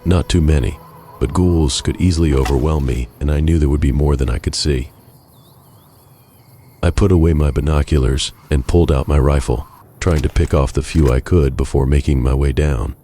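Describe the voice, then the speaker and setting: A man narrating a game playthrough as a first-person story in a measured, even way. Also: very deep voice, slight background noise.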